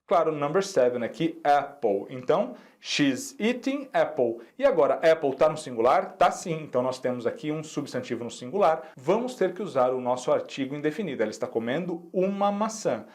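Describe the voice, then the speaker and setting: A man teaching English in a recorded online lesson, explaining exercises and repeating the example sentences slowly and clearly. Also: on the high side, very animated.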